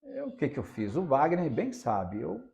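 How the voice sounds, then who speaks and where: This man's voice sits fairly high and swings hugely in pitch, with a moderate pace, vocal fry, and a slightly mellow quality. He's a Minas Gerais radio reporter spinning stories in a relaxed interview, repeating phrases for emphasis in his regional Brazilian Portuguese accent.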